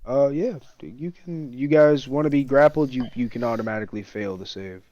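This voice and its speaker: A man's voice: mid-range voice, normal speed, a little mellow, dry recording, dull audio. A man speaking casually as game master, narrating a tabletop game to players.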